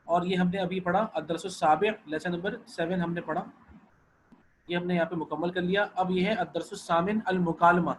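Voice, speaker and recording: A man's voice: sits high, fairly even intonation, a little hiss or hum, rough recording. A man teaching an online Arabic class, patient, often repeating and checking that students follow.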